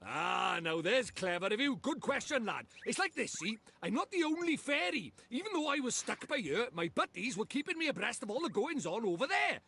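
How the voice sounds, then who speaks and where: A man's voice: very high voice, sing-song, fairly quick, vocal fry, few pauses, bright, forceful tone, slightly rough, exaggerated voice. An actor playing a cheeky little male fairy lord with a Welsh accent, chatty and teasing in a video game.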